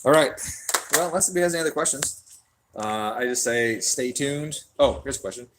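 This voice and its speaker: A man's voice: medium pitch, lively intonation, fairly quick, noisy background. A man hosting a casual stream from a tuning shop, swearing freely and answering viewer questions. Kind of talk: casual livestream chat.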